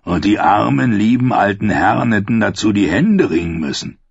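A cynical old archmaester speaks with dry, unhurried menace, as a male reader puts him on. His voice is low and gravelly with a husky edge. The recording is dull and lo-fi with no room sound. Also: animated, no room sound, full character voice. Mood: sardonic.

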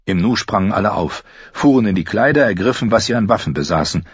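A man reading an audiobook as narrator, in a lively, expressive way, in a dry, slightly dull lo-fi recording. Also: lowish voice, fast talker, husky, dry recording. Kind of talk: scripted narration.

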